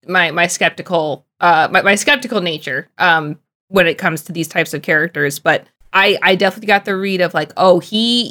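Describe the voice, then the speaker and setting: A woman's voice: lowish voice, a bit bright. A woman co-hosting a casual podcast, thinking aloud in a thoughtful, analytical way with many fillers and restarts. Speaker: podcast co-host.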